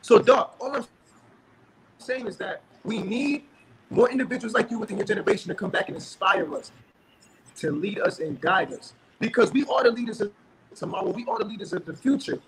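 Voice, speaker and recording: A young man speaking over a crackling phone line, earnest and building to forceful emphasis as he calls in. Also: high-pitched, expressive, brisk. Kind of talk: passionate call-in speech.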